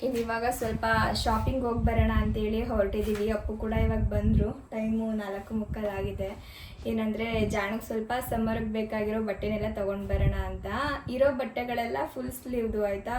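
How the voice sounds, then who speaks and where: A woman's voice: fairly high pitch, background noise. A young woman, a mother, narrating a casual home vlog and chatting through each step as she goes.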